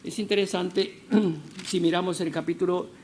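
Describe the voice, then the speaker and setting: Man, church sermon, emphatic, slows on key words, high-pitched, faint hiss. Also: fairly even intonation. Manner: emphatic, stresses key words slowly, rising to loud declarations. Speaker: preacher.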